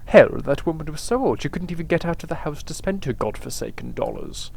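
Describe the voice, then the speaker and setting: A man voicing a gruff, greedy drinking man in a game who sneers as he talks. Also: a little high, huge pitch swings, a little fast, a little mellow, full character voice. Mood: sneering.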